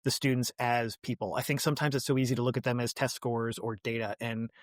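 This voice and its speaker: A man hosts a casual interview and responds with warm enthusiasm. His voice is mid-pitched. The recording is close and dry. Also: steady tone, quick pace, no room sound. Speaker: podcast host, middle school teacher.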